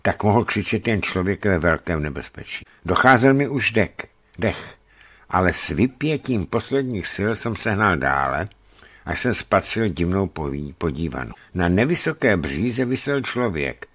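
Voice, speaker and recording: A man narrating a memoir aloud, telling it in a lively storytelling manner. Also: low-pitched, no echo.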